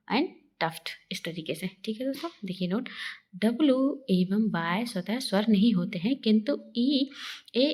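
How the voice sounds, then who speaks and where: A woman teaching an English phonics lesson, explaining sounds and slowly reading out lists of example words. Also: medium pitch.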